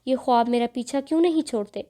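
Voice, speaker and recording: Woman reader as a scared young bride, tearful and pleading, high mellow voice. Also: natural voice.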